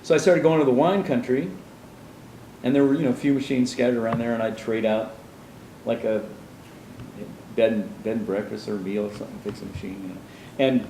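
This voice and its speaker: A man's voice: medium pitch, fairly even intonation, a little fast, gravelly, pauses often, mellow, echoey room, a little hiss or hum, poor audio. A man telling his life story in an interview, rambling through asides and acting out the people he quotes. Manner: meandering, many restarts and asides, acts out quoted people.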